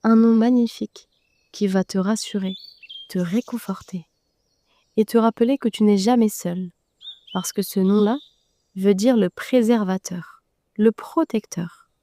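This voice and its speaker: A woman guides a meditation, addressing the listener directly in a slow, gentle, soothing manner. Her voice is medium in pitch with a steady tone.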